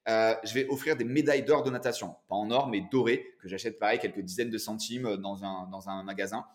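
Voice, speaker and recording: Guest, male, 40s, animated storyteller, casual interview tone. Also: lowish voice, brisk. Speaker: guest entrepreneur and coach.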